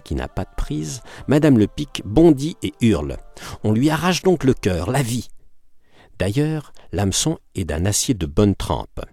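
Lively deep-voiced male storyteller. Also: no echo, clean studio sound. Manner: lively, acted-out narration. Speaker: audiobook reader. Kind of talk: expressive literary reading.

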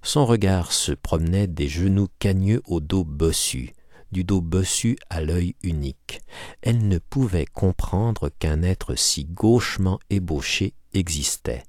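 A man's voice: sits low, lively intonation, measured pace, darkish tone, dry recording, clean studio sound. A man narrating a classic novel as an audiobook, reading expressively. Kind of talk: scripted literary narration.

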